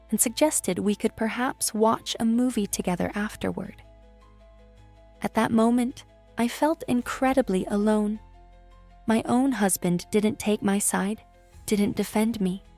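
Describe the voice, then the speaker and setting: A woman reading a first-person story in a calm, measured narration. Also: on the high side.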